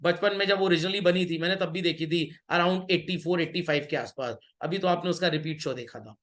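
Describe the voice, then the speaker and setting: A middle-aged man teaches business studies in an online class, his high voice bright, sharp and fairly quick. Switching between Hindi and English, he keeps scolding students playfully and asking whether they follow.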